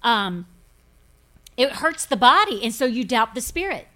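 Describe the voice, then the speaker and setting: Speaking unhurriedly in a fairly high, very animated voice that sounds pushed and bright, a pastor in her fifties hosts a casual faith podcast. Raised in Pentecostal churches, she delivers her points forthrightly, emphatically and preachily.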